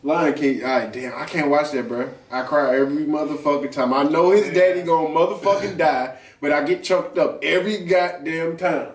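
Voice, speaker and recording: A man's voice: a little high, normal speed, few pauses. A man hosting a casual talk show, chatting in loose slang with plenty of swearing. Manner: slangy, profane banter. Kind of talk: casual chat. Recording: roomy echo, distant mic.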